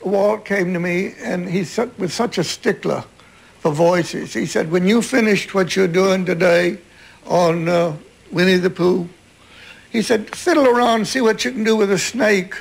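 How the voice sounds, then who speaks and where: An older man recalls his work in an archival interview, his voice strikingly high and husky. A gravelly fry runs through his soft, gentle storytelling. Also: measured pace. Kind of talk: reminiscing interview.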